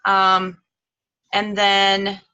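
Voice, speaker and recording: Woman, casual recap talk, chatty with many fillers, bright tone, dry close sound, video call mic. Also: mid-range voice, completely flat delivery, very slow, clear, resonant tone, no room sound, lo-fi sound. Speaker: guest speaker. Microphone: video call microphone.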